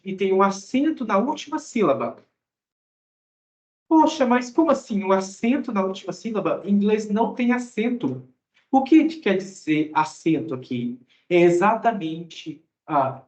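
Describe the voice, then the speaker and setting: Brazilian man teaching English grammar. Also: on the high side. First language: Portuguese. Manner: explanatory, checks in with "né?" and "tá?". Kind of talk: explaining grammar lesson. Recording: roomy, dull lo-fi sound.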